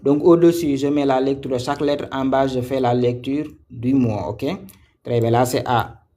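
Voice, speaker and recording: A man's voice: mid-range voice, flat delivery, normal speed, dark tone. A man teaching a live online reading lesson, patiently repeating syllables and words, asking students questions and praising their answers.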